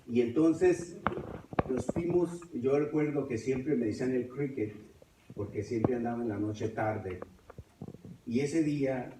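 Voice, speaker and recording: A man telling his testimony as a preacher, swinging between loud and hushed as he tells it. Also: mid-range voice, a little slow, background noise. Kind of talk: testimony sermon. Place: church. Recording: echoey church from far off.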